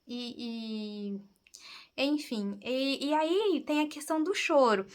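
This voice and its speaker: Brazilian woman podcasting, high voice, just thinking out loud, candid and reflective. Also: slow. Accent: Brazilian Portuguese. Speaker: podcast host. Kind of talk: casual personal monologue.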